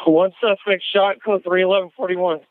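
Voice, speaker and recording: A man's voice: sits high, fairly even intonation, normal speed. A male police officer making terse coded calls over a police radio. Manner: terse radio call codes. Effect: police radio transmission. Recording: tinny crackly police radio.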